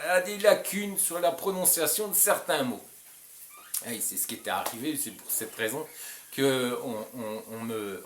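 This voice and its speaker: A man's voice: medium pitch, echoey room, slight background noise. A French man hosting his channel, talking bluntly and emphatically, with frequent restarts and short chuckles. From France. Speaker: channel host. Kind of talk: casual direct-to-camera talk.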